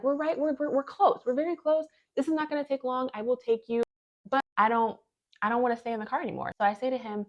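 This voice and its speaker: A woman's voice: lowish voice, muffled recording. A woman vlogger telling a personal story in an earnest, reflective storytime way. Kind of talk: storytime narration.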